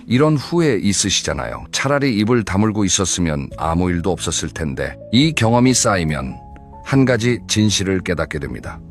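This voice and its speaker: A man narrating a scripted advice talk in a calm, measured, instructive way. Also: sits low, soft background music.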